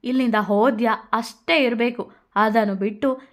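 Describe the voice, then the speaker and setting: A woman's voice: fairly high pitch, steady tone, normal speed, lightly acted. A woman doing a drunk taunting stranger. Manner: taunting, condescending. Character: drunk arrogant young woman, rude stranger.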